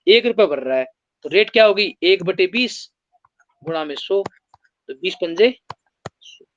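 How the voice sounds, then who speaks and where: High-voiced male maths teacher, muffled. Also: animated, measured pace, a little hiss or hum. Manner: explains step by step, asks students rhetorical questions. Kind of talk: exam-prep maths lesson.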